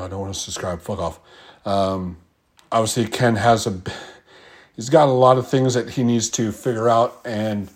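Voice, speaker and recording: A man's voice: on the low side, darkish tone. A man hosting a casual solo motorsport podcast, talking in a rambling way with frequent ums, restarts and swearing. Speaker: podcast host.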